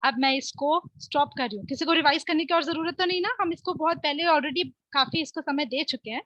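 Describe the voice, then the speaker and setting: A woman teaching an online class through a playful word game, encouraging her pupils and drilling words slowly and clearly. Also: high-pitched, sharp tone, no room sound, muffled recording. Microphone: video call.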